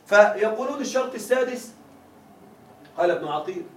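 A man with a high voice lectures on grammar and keeps checking with his students that they follow. He sounds distant from the mic, and the room adds a lot of echo. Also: animated, brisk. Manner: keeps asking students to confirm. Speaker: grammar teacher. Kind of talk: classroom lecture. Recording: echoey room, mic far away.

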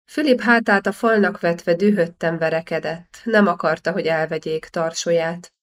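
A woman reading a historical novel aloud as an audiobook narrator, telling it in a measured way. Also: fairly low pitch. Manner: measured storytelling. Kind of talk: scripted narration.

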